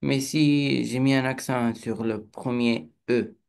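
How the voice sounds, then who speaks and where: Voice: mid-range voice, fairly even intonation, takes it slowly, gravelly, darkish tone, clean tone. A language student answering a tutor in short, hesitant replies with many fillers. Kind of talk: one-to-one lesson, answering a tutor.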